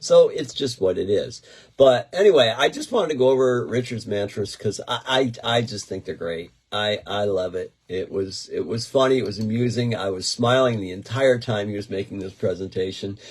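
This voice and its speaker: Deep husky man chatting easygoingly. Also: lively intonation, normal speed. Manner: rambling and easygoing, with many restarts. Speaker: podcast host and event promoter. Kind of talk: casual chat.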